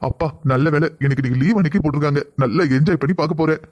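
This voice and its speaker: Brief: man playing a breezy cartoon husband, southern Tamil accent, brisk, slightly high. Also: a little mellow, lightly acted. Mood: relaxed. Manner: offhand, dismissive. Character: careless easygoing young husband. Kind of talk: cartoon voice acting.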